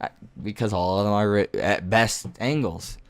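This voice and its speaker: A woman's voice: extremely low pitch, moderate pace, no room sound. A woman streamer reading a visual novel aloud and making wry, stammering asides.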